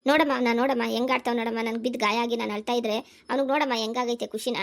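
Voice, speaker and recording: A woman's voice: steady tone, rapid-fire, natural voice. A woman doing a whiny, teary schoolgirl. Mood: bickering. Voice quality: high whiny girl voice. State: crying. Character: young schoolgirl, hurt, whiny and defiant. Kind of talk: cartoon voice acting.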